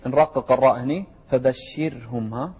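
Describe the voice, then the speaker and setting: A man of middle pitch teaches Quran recitation. He chants each verse slowly and tunefully, then briskly spells out the correct pronunciation. The recording is dull and lo-fi. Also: dark tone, husky.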